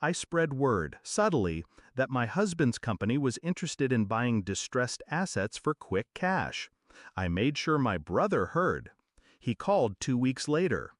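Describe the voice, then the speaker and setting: Man narrating a tale with lively pitch. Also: dry recording, clean studio sound. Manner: measured, dramatic storytelling. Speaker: story narrator. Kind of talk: scripted first-person story narration.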